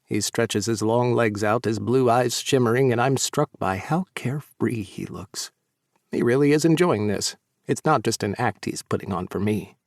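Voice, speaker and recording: A man narrating a first-person romance audiobook in a warm, light storytelling delivery. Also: medium pitch, normal speed, gravelly, no echo, studio quality.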